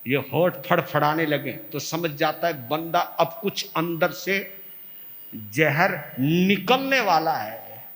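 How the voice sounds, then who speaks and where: Lively high-pitched man preaching in a hall. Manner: lively, swings from loud to soft, acts out quarrels. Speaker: Jain monk giving a discourse. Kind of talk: sermon.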